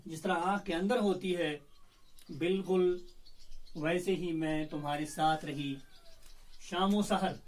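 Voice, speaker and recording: High-voiced man teaching a poem. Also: distant mic, low-quality recording. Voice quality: clears throat often. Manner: slow, careful, repeats words to show how they are said. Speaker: Urdu teacher. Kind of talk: explaining a poem line by line.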